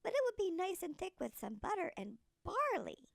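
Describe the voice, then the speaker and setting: Storybook trickster, hungry young man, woman performer: coaxing, high, creaky. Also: huge pitch swings, normal speed, no room sound, studio quality, heavily acted. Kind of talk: storybook character voice.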